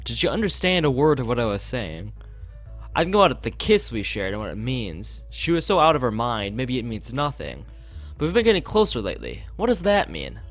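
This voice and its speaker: With game music in the background, a man plays through a visual novel on stream, reading its text aloud and chatting casually, sometimes tripping over and repeating phrases. He has a mid-range, fairly bright voice.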